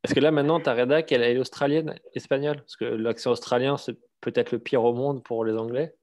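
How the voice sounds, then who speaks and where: A man's voice: medium pitch, fairly even intonation, fast, a little mellow. A man interviewing a guest informally, asking probing questions with fillers and restarts. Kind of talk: casual conversational interview.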